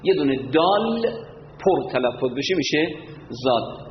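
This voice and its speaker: A man teaching prayer recitation, lecturing and demonstrating verses with slow chanting. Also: on the high side, expressive. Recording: roomy hall, dull lo-fi sound, faint background hum.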